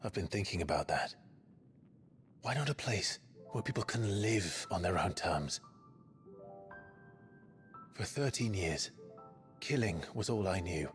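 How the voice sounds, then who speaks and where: An actor playing a brooding, remorseful young ex-killer, measured and solemn, in a video game drama. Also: male voice, sits low, animated. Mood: remorseful, resolute. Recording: game audio under clear music.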